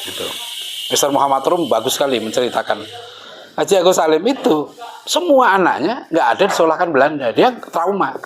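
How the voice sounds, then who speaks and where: A middle-aged man telling stories in a casual talk, animated and laughing, acting out the voices of the people he quotes. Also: on the high side, a little fast. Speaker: speaker.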